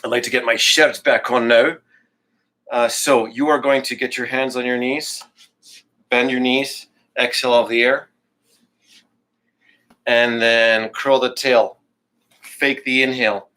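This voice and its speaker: A man's voice: mid-range voice, flat delivery, measured pace, long pauses, bright, forceful tone. A man teaching a live yoga class, talking students through breathing cues in a casual, joking way and a bit out of breath. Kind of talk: live online class instruction.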